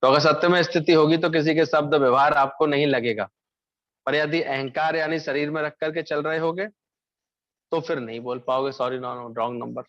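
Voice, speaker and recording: A man's voice: a little high, steady tone, normal speed, a bit bright. A man giving a spiritual discourse, telling stories and asking his listeners questions that he then answers himself. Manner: storytelling preacher, asks and answers own questions. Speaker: spiritual teacher. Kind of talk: Hindi satsang discourse. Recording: dull lo-fi recording.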